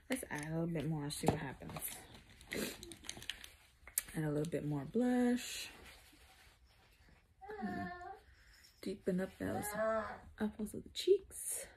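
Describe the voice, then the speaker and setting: A woman doing a casual makeup tutorial vlog, chatting in a relaxed way while she applies makeup. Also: mid-range voice, gravelly, very noisy. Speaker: makeup vlogger.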